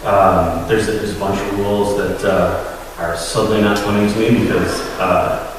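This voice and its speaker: A man's voice: fairly low pitch, fairly even intonation, moderate pace, a little hiss or hum. A man giving a storytelling talk to a congregation, hesitant and full of fillers, openly nervous. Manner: hesitant, many fillers, admits nerves. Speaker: guest speaker at a secular congregation. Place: large echoey hall. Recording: echoey hall, voice from far off.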